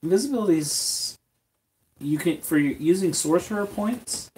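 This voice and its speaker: A young woman narrating a tabletop game as game master, halting, with fillers and restarts. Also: lowish voice, lively intonation, warm tone, a little hiss or hum, rough recording.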